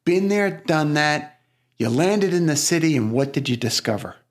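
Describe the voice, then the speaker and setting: Brooklyn accent guy doing a coaching interview, probing, deliberate, repeats stuff to make the point. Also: on the high side, expressive. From Brooklyn, New York. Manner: probing, deliberate, repeats words back for emphasis. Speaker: podcast host and coach. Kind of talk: reflective coaching conversation.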